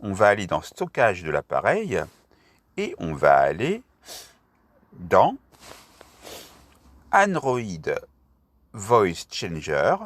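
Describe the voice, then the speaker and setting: A man's voice: low-pitched, wildly swooping pitch, takes it slowly, long pauses, dry recording. A man presenting an app, narrating a step-by-step screen tutorial.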